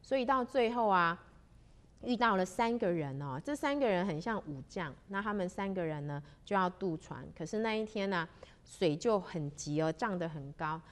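A woman's voice: fairly low pitch, lively intonation. A woman tells a spiritual moral story to fellow practitioners. She speaks unhurriedly and draws out the particles at the ends of her phrases. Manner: unhurried, sentence-final particles drawn out. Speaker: religious storyteller.

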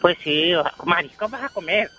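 A woman's voice: lowish voice, lively intonation, normal speed, loud music behind the voice, poor audio. A Honduran woman in her sixties, missing her front teeth, chatting flirtatiously and playfully as a radio caller. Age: 60s. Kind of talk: playful casual chat.

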